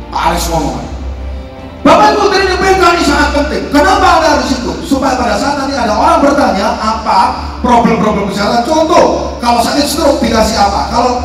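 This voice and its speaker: A man giving a motivational stage talk to a crowd, dropping to quiet storytelling and rising to shouted rallying cries. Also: very high-pitched. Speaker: motivational speaker. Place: large hall. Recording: echoey hall recorded from far off, music behind.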